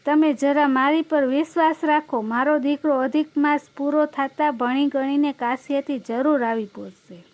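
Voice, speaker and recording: A firm older mother-in-law reassures and lays down household rules, as a woman narrator puts her on. The voice stays high and steady, instructing in a storybook telling. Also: normal speed, few pauses, natural voice.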